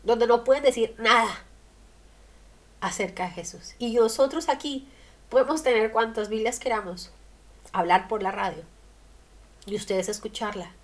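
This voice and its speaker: Woman, radio preacher, higher-pitched voice, emphatic delivery with rhetorical questions. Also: normal speed, long pauses. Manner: emphatic, rhetorical questions, swings loud and soft. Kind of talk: sermon on the radio.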